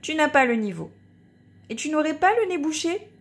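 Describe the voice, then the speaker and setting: A woman's voice: high voice, animated, normal speed, voice pushed up. A woman voicing a grumpy neighbor man, an impresario in a storybook, curt and dismissive.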